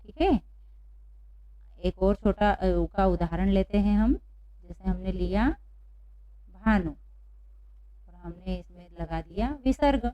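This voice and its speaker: A woman teaching pronunciation in a classroom-style lesson, asking questions and slowly repeating each answer. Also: medium pitch, dark tone, muffled recording. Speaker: Sanskrit teacher.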